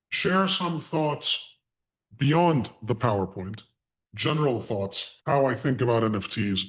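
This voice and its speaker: Male online instructor, voice electronically disguised to sound deep and unclear, speaking in measured phrases. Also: rough recording. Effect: voice changer giving a disguised deep, Darth Vader-like voice. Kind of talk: live online lecture. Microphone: online video call through a voice changer.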